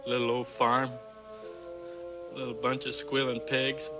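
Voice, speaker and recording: An actor playing a simple-minded, childlike, remorseful hunted man in a 1960s TV western, with halting, rustic American speech. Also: medium pitch, little pitch movement, natural voice. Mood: resigned, wistful. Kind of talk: 1960s television western acting. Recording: old TV soundtrack with music underneath.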